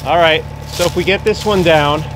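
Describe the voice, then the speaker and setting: Guy teasing n joking around in the woods, kinda high voice, engine running loud behind. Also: normal speed. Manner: teasing, playful banter. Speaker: homesteading channel co-host. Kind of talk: casual joking chat while working. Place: wooded hillside outdoors, machinery running. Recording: outdoor footage with clear engine noise.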